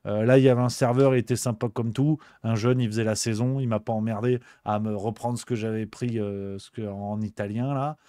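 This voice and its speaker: A man's voice: on the low side, steady tone, a little fast, hardly any pauses, dark tone, no room sound, studio quality. A male host delivering a comedic rant on a livestream show, exasperated and swearing, repeating his grumbles.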